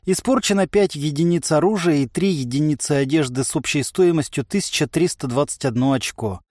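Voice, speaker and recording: A man's voice: fairly high pitch, brisk, a little mellow, no echo, lightly acted. Man playing a dry sarcastic militia chief. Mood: sarcastic stern. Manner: dry, ironic, interrogating. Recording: dry close studio sound.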